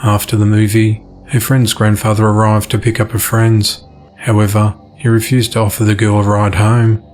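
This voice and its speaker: A man reading crime news from a script in an even newsreader delivery. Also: fairly low pitch, normal speed, faint music behind. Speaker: news reader.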